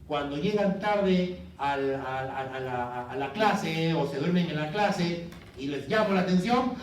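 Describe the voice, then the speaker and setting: A man with a Peruvian accent giving a classroom lecture as a medical school teacher, lively and constantly quizzing students with tag questions. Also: on the high side, unhurried, a little hiss or hum. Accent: Peruvian Spanish. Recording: echoey classroom, mic far off.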